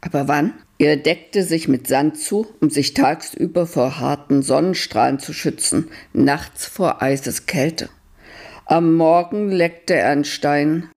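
A woman narrating a fairy-tale story in a calm, unhurried reading voice. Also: low voice. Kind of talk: storytelling read aloud.

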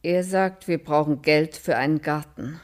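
A reader voicing a withdrawn, despairing woman in a nightgown, spoken quietly and flatly. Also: medium pitch, measured pace, close to an everyday voice. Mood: subdued. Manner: quiet, flat, subdued.

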